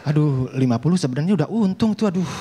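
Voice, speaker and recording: Man as a worried vendor grumbling under his breath; high voice, crowd behind. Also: expressive, fast, natural voice. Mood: fretful. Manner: fretful muttering. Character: worried middle-aged male street vendor. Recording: noisy studio with crowd.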